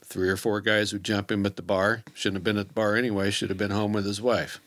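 A man's voice: fairly low pitch, flat delivery, fast talker, a bit bright. A man raised in the Ozarks, a guest trapper telling stories in a wry, laid-back way. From Ozarks and Kansas City. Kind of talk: casual chat.

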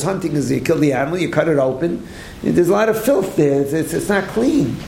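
A man, a rabbi, giving a late-night Talmud lecture, animated, firing rhetorical questions and restarting his sentences, with many Hebrew terms. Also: on the high side, gravelly, roomy sound, a little hiss or hum. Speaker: rabbi teaching a Torah class.

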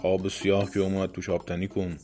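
A calm old demon from a folk tale, low and steady, handing out orders without hurry, as a male narrator puts him on. The voice stays deep and controlled, with faint music under it. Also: lightly acted. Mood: commanding.

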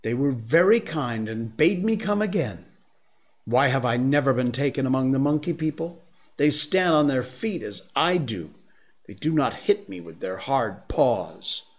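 A man voicing an excited young boy raised in the jungle, pleading and rushing his words together, in a storybook reading. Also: medium pitch, pitched above the performer's own voice, lightly acted. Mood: eager. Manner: pleading, excited, breathless run-on talk.

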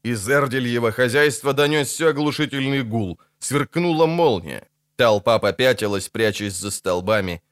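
A man narrating an audiobook in a dramatic, expressive reading style. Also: medium pitch, moderate pace, clean tone, dry recording, clean studio sound.

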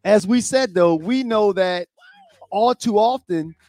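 A man co-hosting a casual talk show, speaking in halting bursts and often repeating and restarting his words. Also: high voice, a little mellow, no echo. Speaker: co-host.

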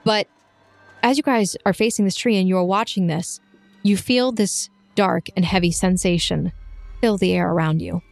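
A woman running a tabletop game, improvising descriptive narration with pauses between phrases. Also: on the low side, creaky, a little mellow, no room sound. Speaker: game master. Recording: music behind the voice.

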